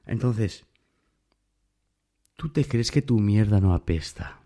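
A man's voice: fairly low pitch, slow pace, mellow. A man telling a personal story in a casual monologue, emphatic and speaking straight to the listener. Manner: emphatic, addresses the listener directly.

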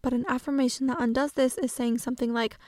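A woman with a high voice talks through self-help advice in a calm, earnest way. Her delivery is measured and explanatory, and the recording is dry and close. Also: dry recording.

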